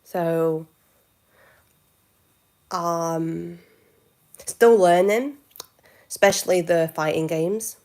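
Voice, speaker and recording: Woman, late twenties, livestream Q&A host, unhurried and lowish, halting self-corrections. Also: fairly even intonation, a little mellow. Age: 20s. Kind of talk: casual live Q&A chat.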